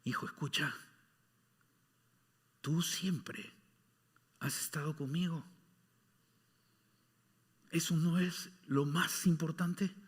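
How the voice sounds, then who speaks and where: Pastor acting out a loving dad talking his son around, gentle, bright voice, big echoey room. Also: high voice, big pitch swings, unhurried, pitched above the performer's own voice, heavily acted. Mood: gentle, coaxing. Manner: gentle, coaxing, earnest. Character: patient loving father speaking to his son.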